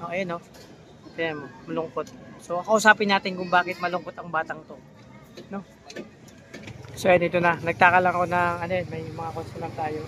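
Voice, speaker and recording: A man's voice: high voice, flat delivery, fairly quick, long pauses, bright, forceful tone, slight background noise. A man vlogging outdoors by the seaside, teasing and coaxing a child with playful questions. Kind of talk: casual vlog narration.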